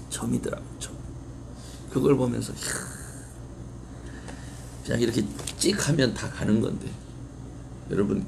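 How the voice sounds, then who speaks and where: A man's voice: on the high side, gravelly, sharp tone, slight background noise. A male pastor preaching an impassioned sermon, putting rhetorical questions to his congregation. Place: church sanctuary.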